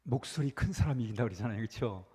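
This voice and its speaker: A man preaching a sermon as a pastor, telling a story with lively repetition and asking the congregation questions. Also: medium pitch, fast, slightly rough. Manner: animated storytelling, repeats phrases, asks the congregation questions. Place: church sanctuary. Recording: echoey church hall.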